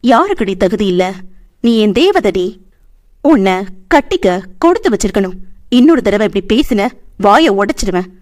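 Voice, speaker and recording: A woman's voice: medium pitch, big pitch swings, normal speed, pauses often, darkish tone, natural voice. A woman voicing an anxious young man, a boss who stammers and pleads, in a storybook reading. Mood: angry. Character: anxious young male boss, tender and hot-tempered.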